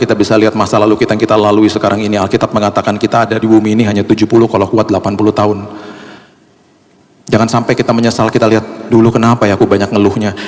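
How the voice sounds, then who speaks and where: A male pastor, preaching an emotional sermon that climbs high and loud when he is stirred. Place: church hall. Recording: long hall reverb.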